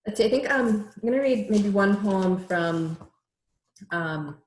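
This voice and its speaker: A middle-aged woman poet reading her poems aloud over a video call, introducing each one in a measured, hesitant way. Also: medium pitch, expressive, a little mellow, slight background noise. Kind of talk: poetry reading with short introductions. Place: home room on a virtual reading call. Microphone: computer mic on a video call. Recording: roomy echo.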